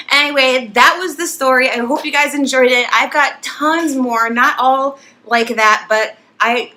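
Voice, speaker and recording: A young woman vlogger telling an embarrassing story to camera, animated and laughing as she acts it out. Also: high-pitched, slow pace.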